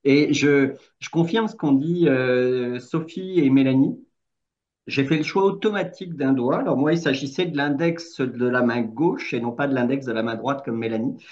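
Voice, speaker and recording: A man politely and deliberately sharing his experience in a group discussion. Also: medium pitch, darkish tone, highs cut off.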